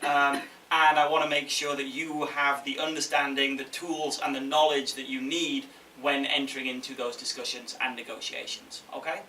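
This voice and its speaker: A man's voice: mid-range voice, little pitch movement, normal speed, hardly any pauses, bright, forceful tone, far from the mic. A man giving an informal, jokey, conversational talk as a game publisher, often checking in with his audience. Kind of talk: informal conference presentation. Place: indoor event room with audience. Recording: echoey room from afar, faint noise.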